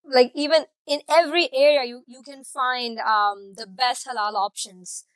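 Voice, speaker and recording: Chatty woman from Karachi, bright voice. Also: sits high, fairly even intonation, moderate pace, smooth, no room sound, rough recording. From Karachi, Pakistan. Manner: chatty, many "like" and "um" fillers. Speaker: guest, food blogger. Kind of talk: casual interview answers.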